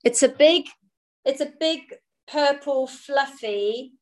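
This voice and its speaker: A woman's voice: high voice, slow, darkish tone, low-quality recording. A woman hosting a casual online chat, effusive and emotional, talking into her phone. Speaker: host.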